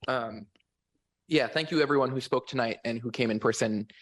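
A man on a public board speaks hesitantly, filling his pauses with ums and restarts. His voice is husky. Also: mid-range voice, fairly bright tone. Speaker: board member. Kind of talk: remarks at a public meeting.

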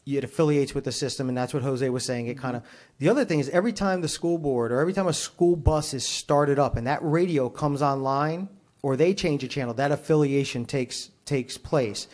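Responding to questions at a public meeting, a man serving as fire chief lays out his points in a formal, measured way. He has a mid-range voice with a slightly mellow quality.

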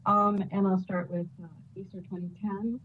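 A woman reports as project manager over a bad connection that keeps dropping her voice in and out. The call audio is thin and phone-like, with a faint hiss underneath. She speaks hesitantly, filling pauses with ums. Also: medium pitch, little pitch movement. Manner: hesitant, with many fillers. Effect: bad connection, audio cutting in and out. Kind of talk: meeting status report. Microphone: computer mic on a video call.

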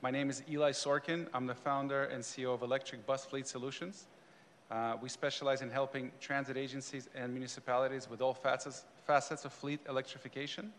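Male founder, mid-pitched, formal public comment, reverberant hall with faint noise. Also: level tone, fairly quick, fairly bright tone. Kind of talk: prepared business pitch. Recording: echoey chamber with background noise.

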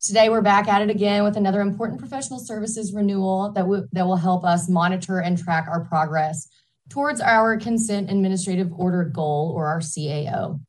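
A woman's voice: medium pitch, steady tone, fairly quick, low-quality recording. A woman giving a friendly, formal prepared slide presentation as a staff presenter.

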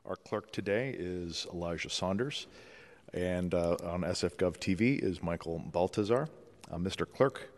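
A man chairing a formal public board meeting, speaking in a measured, procedural way with frequent "uh" and "um". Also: low voice. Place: large legislative chamber. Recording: long reverb of a large chamber.

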